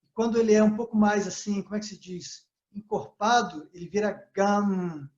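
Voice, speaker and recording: A man giving a calm spiritual lesson, often checking in with his listeners as he explains. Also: high voice, fairly quick. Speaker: yoga teacher. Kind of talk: spiritual talk. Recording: echoey, slightly dull sound.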